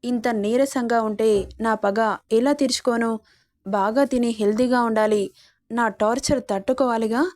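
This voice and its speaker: A woman's voice: a little high, steady tone, normal speed, darkish tone, dry recording, close to an everyday voice. A woman voicing an arrogant young man who taunts and threatens, in her own reading voice. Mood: taunting. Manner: mocking, threatening, smug. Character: arrogant, taunting young male college bully.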